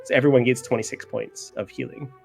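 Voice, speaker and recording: A man improvising as a tabletop game master in a casual way, halting and repeating words as he goes. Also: medium pitch, fairly even intonation, gravelly, faint music behind.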